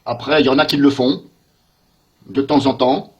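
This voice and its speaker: A man talks through a software walkthrough while recording his screen. He thinks aloud and mutters in puzzlement as he clicks through the menus. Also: mid-range voice, steady tone, moderate pace, highs cut off. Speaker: software tester.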